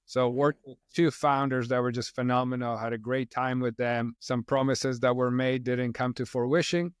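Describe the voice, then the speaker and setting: Relaxed middle-aged man from Poland. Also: mid-range voice, moderate pace, clean tone, no room sound, studio quality. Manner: relaxed, rambling, frequent "you know" fillers. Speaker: podcast guest, company co-founder. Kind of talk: casual interview chat.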